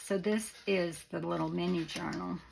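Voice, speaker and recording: Female craft vlogger: lowish, gravelly, raspy failing voice, informal and rambling, slight background noise. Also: steady tone, moderate pace, darkish tone, poor audio. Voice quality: raspy, worn voice. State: voice starting to go after illness. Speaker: craft video presenter. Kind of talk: casual show-and-tell of a handmade journal.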